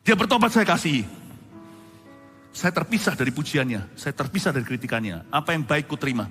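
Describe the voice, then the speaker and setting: A male pastor preaching a sermon in an animated way, acting out other people's voices. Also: a little high, fairly quick, husky. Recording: reverberant hall with faint music.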